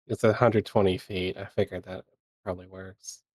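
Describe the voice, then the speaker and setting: A man's voice: deep voice, little pitch movement, moderate pace, a little mellow, no room sound. A man playing in a tabletop game, asking about rules and describing his moves with many hesitations. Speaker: player. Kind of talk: casual tabletop play.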